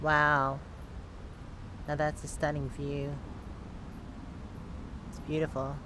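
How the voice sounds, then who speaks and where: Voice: medium pitch, takes it slowly. A vlogger narrating a road trip in a casual, chatty way, with fillers, filmed from inside a car and then outdoors on a hilltop. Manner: relaxed, chatty, with frequent fillers. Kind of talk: casual travel vlog narration. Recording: loud car and road noise.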